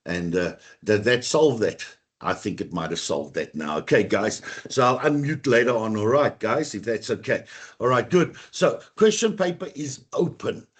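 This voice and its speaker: Husky man teaching online. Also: fairly low pitch, big pitch swings, normal speed. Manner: chatty, keeps saying "guys". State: coughing, rough throat. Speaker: computer applications teacher. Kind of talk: online exam-prep class. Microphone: computer mic on a video call.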